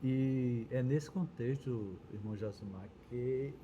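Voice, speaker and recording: A Brazilian man who teaches Bible at church leads a study dialogue, reading scripture aloud and then explaining it earnestly. His medium-pitched voice is warm and slow, heard through dull audio with slight background noise.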